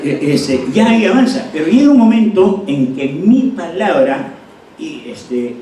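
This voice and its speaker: A man's voice: sits high, animated, measured pace, warm tone. A middle-aged man with a Peruvian accent giving a seminar lecture as an acting teacher, acting out words to demonstrate emphasis. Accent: Peruvian Spanish. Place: lecture hall. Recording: echoey room, voice from far off, faint noise.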